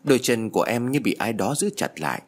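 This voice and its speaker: A man narrating a first-person ghost story in an expressive, hushed storytelling manner. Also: medium pitch, brisk. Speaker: audiobook narrator.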